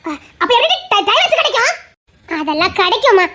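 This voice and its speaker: A woman playing a young separated wife and student, speaking with a Tirunelveli Tamil accent in a musing, soft-spoken way. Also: very high voice, big pitch swings, normal speed, heavily acted. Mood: defiant.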